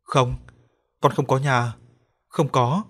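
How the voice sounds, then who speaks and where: A man's voice: mid-range voice, fairly even intonation, slow, a bit bright, slightly rough. A man voicing a frightened little lost girl who sobs and pleads in a ghost story reading. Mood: tearful. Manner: sobbing, pleading.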